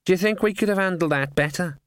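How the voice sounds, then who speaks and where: A man voicing a chatty, excitable male raven that squawks and gossips in a storybook reading. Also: high-pitched, fast talker, smooth, no echo, clean studio sound, pitched above the performer's own voice, lightly acted. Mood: gossipy.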